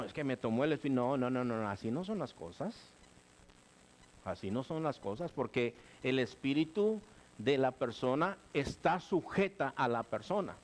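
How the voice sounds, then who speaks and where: A middle-aged male pastor, preaching a sermon with lively, conversational asides. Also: a little high. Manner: animated preaching, keeps saying "hermano", acts out quoted voices.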